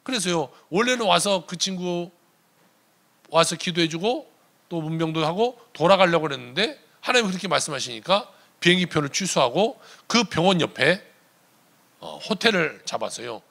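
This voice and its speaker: Lively, gravelly-voiced man preaching. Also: on the high side, normal speed. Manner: storytelling preacher, emphatic with sudden drops to quiet. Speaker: pastor. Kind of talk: sermon.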